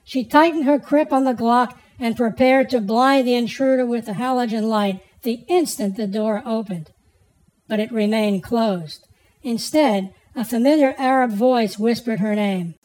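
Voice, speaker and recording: A woman reading a thriller as scripted narration, in a measured, even storytelling delivery. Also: a little high, low-quality recording. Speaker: audiobook narrator.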